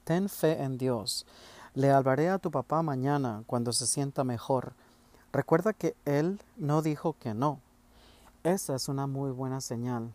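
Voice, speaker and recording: A man voicing a caring, tearful mother who speaks softly and consolingly. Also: mid-range voice, a little slow, dry recording, natural voice. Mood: gentle consoling. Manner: soft, consoling, pleading.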